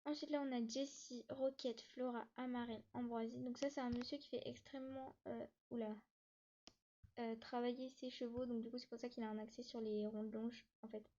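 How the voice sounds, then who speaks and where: Narrating a casual tour of her game map, a YouTuber speaks fast in a slightly high, mellow, level voice. She hesitates often, full of fillers and restarts, and mentions having trouble catching her breath. A cheap-sounding mic leaves the recording muffled and dull.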